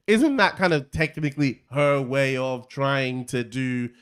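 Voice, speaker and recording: A man's voice: mid-range voice, measured pace, a crowd in the background. A man co-hosting a casual faith discussion podcast, posing probing questions with frequent restarts. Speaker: podcast co-host.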